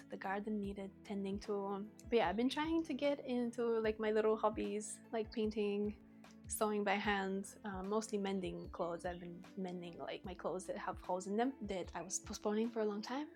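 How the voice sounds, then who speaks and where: Chatty young woman vlogging, soft music. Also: medium pitch. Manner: chatty, many filler "like"s. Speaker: vlogger and zine editor. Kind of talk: casual vlog talk.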